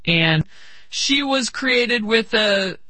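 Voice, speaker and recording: A performer voicing a friendly sentient AI assistant telling a story slowly and deliberately, reading stage cues aloud with halting fillers. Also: mid-range voice, expressive, bright, forceful tone, husky, no room sound, full character voice. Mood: earnest.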